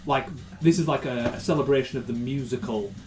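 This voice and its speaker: A man's voice: medium pitch, fairly quick, a little mellow, faint music behind. A man narrating as game master for a tabletop game, wandering through descriptions and often searching for words.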